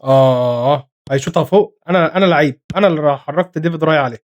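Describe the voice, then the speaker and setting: Egyptian male gamer commentating his own match, very fast, high voice, excitable, scolds his players, slightly hoarse. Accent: Egyptian Arabic. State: voice getting hoarse. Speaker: gaming commentator. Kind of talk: live gameplay commentary.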